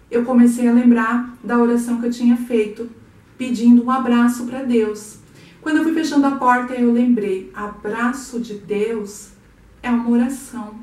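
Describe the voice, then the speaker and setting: A woman sharing a heartfelt personal testimony in a soft, earnest, unhurried way. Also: on the high side. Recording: echoey room, mic a bit far.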